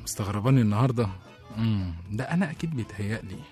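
A man's voice: on the low side, animated, rapid-fire, warm tone, soft background music. An Egyptian-accented man in comic sketch dialogue, complaining with exaggerated indignation and frequent laughs.

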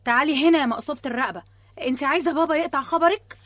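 An actress with an Egyptian accent playing a prim, anxious pregnant schoolteacher who talks in a fussy, flustered way. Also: female voice, high-pitched, rapid-fire, fairly bright tone, no room sound.

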